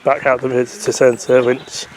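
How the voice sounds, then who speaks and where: A man talks in a chatty, rambling way to a handheld camera, his voice sitting at an ordinary middle pitch. He is outdoors, with a faint hum of wind and distant traffic under his voice. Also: completely flat delivery, normal speed. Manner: chatty, rambling, self-correcting. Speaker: travel vlogger. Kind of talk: casual walking vlog commentary. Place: outdoors in countryside and on a rail platform. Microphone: handheld camera mic. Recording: faint outdoor background noise.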